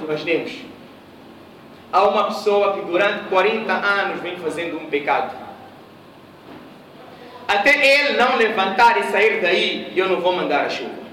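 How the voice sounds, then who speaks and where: A man from Mozambique with a high, somewhat bright voice preaches a sermon in a mosque hall, telling a story and putting questions to his listeners. The room is echoey and his voice sounds distant.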